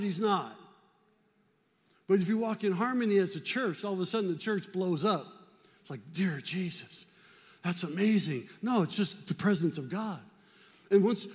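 Fired-up male pastor, high voice, preaching in a big echoey church. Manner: fervent, urges the congregation to clap and shout. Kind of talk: sermon. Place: church sanctuary.

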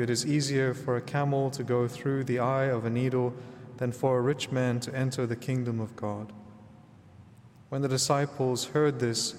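Priest in a church with a long hall echo. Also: male voice, medium pitch, slight background noise. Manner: measured teaching tone with frequent "right?" asides. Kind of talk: gospel reading and homily.

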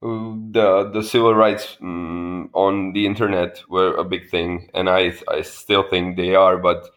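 A man from the Czech Republic with a Czech accent, speaking English as a second language. He is a politician answering interview questions over a Skype call, unhurried and searching for words. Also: low voice, little pitch movement, a bit bright. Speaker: politician guest.

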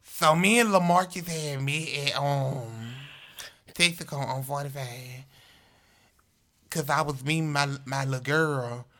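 Performer doing a brash lady telling her drama, gravelly, bright, cussing, laugh-crying. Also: mid-range voice, measured pace. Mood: rambling. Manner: rambling, cursing, slangy, breaks into crying laughter. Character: Takiki, loud Southern woman telling her troubles. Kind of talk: comedy sketch talk-show guest.

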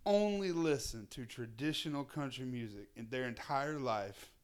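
A man in his thirties hosts a casual podcast interview. His voice sits at a middle pitch for a man. He talks informally and agreeably, as in a relaxed conversation. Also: moderate pace, clean tone. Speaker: podcast host.

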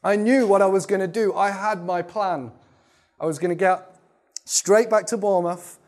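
A man preaching a sermon, sharing his testimony and praying, moving between loud emphatic bursts and quiet, intense moments. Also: high voice, moderate pace.

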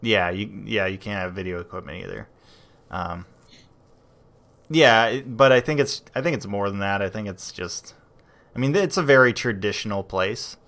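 A man co-hosting a podcast in casual chat, relaxed and rambling, with frequent fillers and restarts. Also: on the low side, normal speed. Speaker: podcast co-host.

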